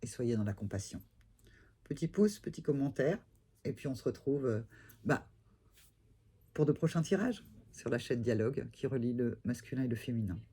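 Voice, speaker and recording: Man, mellow husky voice, tarot reading, hesitant with many fillers, gentle advice. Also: mid-range voice, lively intonation, normal speed, pauses often. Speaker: tarot reader.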